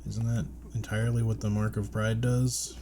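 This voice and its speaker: A man's voice: on the low side, little pitch movement, moderate pace, background noise. A man giving casual, laid-back let's play commentary, muttering asides to himself as he plays. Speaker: gaming streamer playing and commenting.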